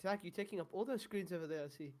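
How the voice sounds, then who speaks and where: A woman's voice: lowish voice, fast, a crowd in the background. A woman with a British chav accent chatting casually on a stream, slangy and swearing heavily. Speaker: stream co-host. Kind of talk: casual chat.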